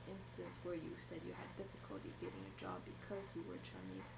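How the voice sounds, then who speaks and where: Calm woman interviewer on hissy tape. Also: lowish voice, fast talker, creaky. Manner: calm, prompting with brief acknowledgments. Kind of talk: oral history interview. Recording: noisy archival tape with background hiss.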